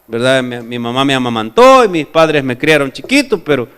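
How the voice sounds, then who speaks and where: Preacher playing humble old man, faltering, low and quiet. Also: normal speed, clear, resonant tone, lightly acted. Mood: uncertain. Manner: hesitant, faltering. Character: humble older man unsure of his roots.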